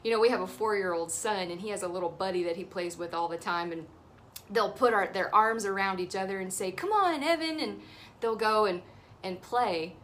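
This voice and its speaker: A woman's voice: mid-range voice, steady tone, brisk, a bit bright, slight background noise. A woman in her thirties giving an earnest, encouraging devotional teaching as host of her ministry show.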